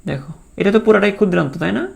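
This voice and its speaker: Recording an online lecture, a man teaches biology in a high, gravelly voice with a darkish tone and a breathy edge, speaking very fast. He repeats key terms, asks and answers his own questions, and voices questions students might imagine asking.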